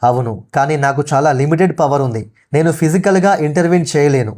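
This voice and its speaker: A man voicing the ghost of a young woman, gentle and protective, speaking softly and reassuringly in a horror story narration. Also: a little high, a little fast, close to an everyday voice. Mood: urgent.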